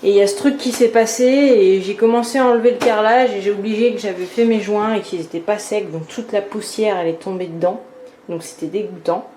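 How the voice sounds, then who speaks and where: Mellow and steady in tone, her mid-range voice moves fairly quickly over a slight hiss or hum. She is a DIY renovation vlogger working on her own bathroom, grumbling casually to the camera in an echoey room with frequent fillers and restarts.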